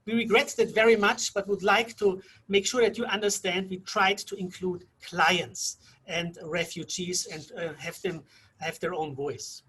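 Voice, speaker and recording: A middle-aged man from Austria, moderating a conference panel in a measured, reflective way that slows down for emphasis. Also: sits high, fairly even intonation, a bit bright, husky. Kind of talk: formal conference introduction.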